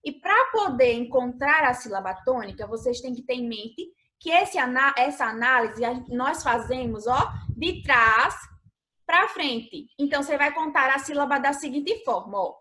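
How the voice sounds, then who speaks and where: A Brazilian woman with a Brazilian Portuguese accent, a primary school teacher giving a recorded remote lesson, patient, stretching key words slowly and asking her pupils questions. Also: high voice, expressive, pushed and bright.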